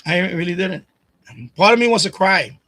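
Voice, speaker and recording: A man's voice: high voice, normal speed, bright, forceful tone, dry recording. A man in his late fifties, a livestream host, ranting about his family in a rambling, profane way, repeating phrases and pushing his voice up when upset, into a desk microphone at home. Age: 50s. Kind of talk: emotional personal rant. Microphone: desk USB condenser microphone.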